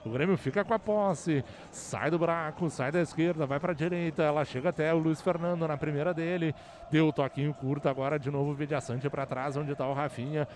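A man giving explosive football goal commentary, excitedly shouting and stretching out key words. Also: fairly high pitch, fairly quick, hardly any pauses, a little hiss or hum.

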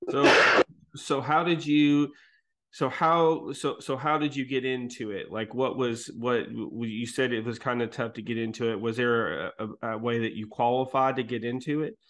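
A man's voice: mid-range voice, steady tone, normal speed, fairly bright tone. A man hosting a casual interview, chatty and self-deprecating, often stumbling as he starts a question. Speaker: podcast host interviewer.

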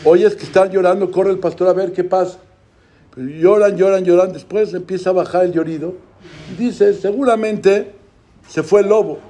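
Guy preaching a religious talk, high but mellow voice, keeps asking questions back at you. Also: steady tone, normal speed. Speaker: religious speaker. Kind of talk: religious lecture.

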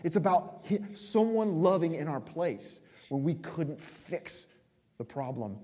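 A man preaching a sermon with passion, stressing words slowly and then rushing through quick asides. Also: fairly high pitch, very animated, darkish tone. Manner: impassioned, emphatic, swings between slow stresses and quick asides. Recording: long hall reverb.

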